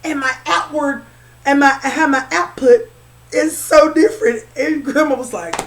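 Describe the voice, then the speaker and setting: Woman, high-pitched tarot reader; chatty, repetitive, keeps checking in with viewers. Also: fairly even intonation, a little slow, slight background noise. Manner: bursts into laughter at herself. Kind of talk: spiritual tarot reading to camera.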